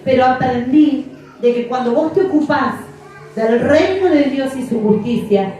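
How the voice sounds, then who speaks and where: A woman's voice: sits high, a little slow, warm tone. A middle-aged woman pastor preaching a sermon, emphatic and repeating phrases for effect. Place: church. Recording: echoey church from far off.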